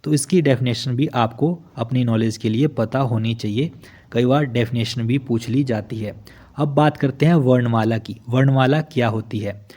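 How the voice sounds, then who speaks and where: A man's voice: medium pitch, normal speed, dark tone. A man teaching an online exam-prep lesson, explaining step by step and repeating each definition after asking and answering his own questions. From Himachal Pradesh, India.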